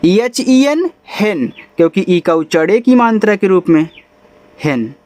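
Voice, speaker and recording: High-voiced man teaching English spelling. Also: lively intonation, darkish tone. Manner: spells out letters slowly, then explains patiently; repeats rules, checks in with the learner. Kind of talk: beginner phonics lesson.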